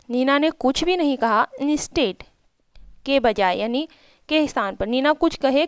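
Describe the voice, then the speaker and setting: A woman teaching, reading a storybook in English slowly and then explaining it at length with rhetorical questions. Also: high-pitched, smooth, dry recording. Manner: repeats and rephrases, asking rhetorical questions.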